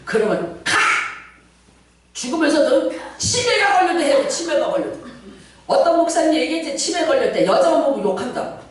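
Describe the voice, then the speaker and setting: A middle-aged woman pastor, preaching a fervent, dramatic sermon that swings from shouts to hushed asides. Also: sits high, animated, brisk. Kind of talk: Pentecostal sermon. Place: large church sanctuary. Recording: very echoey church hall, from far off.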